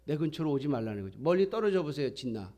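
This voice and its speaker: A middle-aged pastor delivers a sermon in a relaxed, conversational way. His voice sits a little high for a man. Now and then he slips into acting out the voices he quotes. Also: fast.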